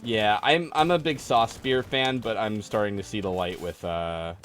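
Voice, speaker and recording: Soft music plays as a man runs a relaxed call-in gaming stream, kidding around and mock-arguing with callers about video games, with casual swearing. His voice is lowish and a bit bright, and he speaks at a normal speed.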